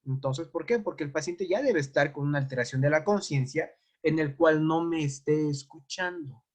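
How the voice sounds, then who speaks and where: A man's voice: fairly high pitch, moderate pace. A man teaching a first-aid class, explaining with worked examples and asking the class questions. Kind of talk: classroom lecture.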